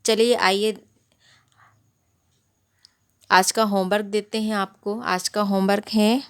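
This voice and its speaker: A woman leads a grammar lesson for young pupils, speaking at a slow, unhurried pace. Her voice is smooth and clear, and she keeps asking little check questions as she goes through examples. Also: medium pitch, flat delivery, fairly bright tone. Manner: slow, explaining step by step with repeated check questions. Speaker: primary school teacher. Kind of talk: Hindi grammar lesson for children.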